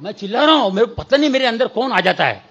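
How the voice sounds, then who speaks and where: The recording is muffled: a man with a very high, slightly rough voice, big pitch swings, and a quick pace preaches his testimony in church. He tells the story by acting out the dialogue, sprinkles in English, and launches into shouted prayer.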